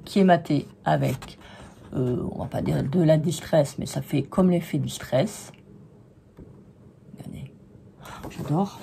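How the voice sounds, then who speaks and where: A hoarse woman chatting in a casual crafting vlog, gushing over products with many hesitations. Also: low-pitched, dark tone, a little hiss or hum. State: hoarse, losing her voice. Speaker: crafting vlogger.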